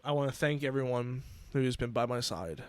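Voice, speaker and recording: A man in his twenties hosting a solo podcast, earnest and emotional, talking haltingly with many restarts. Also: mid-range voice, no echo. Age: 20s. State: emotional, near tears. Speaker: podcast host. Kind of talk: personal solo podcast talk.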